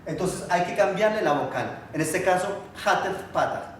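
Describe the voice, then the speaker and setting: A man teaching a Biblical Hebrew class, patiently asking his students questions and pausing on fillers. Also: high-pitched, lively intonation, recorded from a distance, slight background noise. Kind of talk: classroom lesson. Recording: echoey room, voice from afar.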